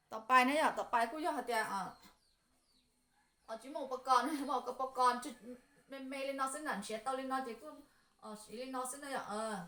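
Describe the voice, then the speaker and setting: Woman slowly spelling out syllables. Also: sits high, fairly bright tone. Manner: repeats syllables slowly, many fillers. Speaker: language teacher. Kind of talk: slow spelling lesson.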